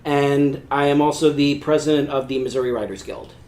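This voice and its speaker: A man speaks on a casual panel in a steady, orderly way. His voice carries a roomy echo. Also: medium pitch, brisk. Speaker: panel guest, writer and audiobook narrator. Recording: roomy room sound.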